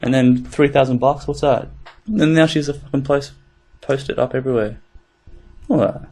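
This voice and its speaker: A man's voice: medium pitch, steady tone, moderate pace, darkish tone, husky. A man co-hosting a podcast, chatting casually in a laid-back, rambling way with plenty of fillers and swearing. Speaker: podcast co-host. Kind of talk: casual chat.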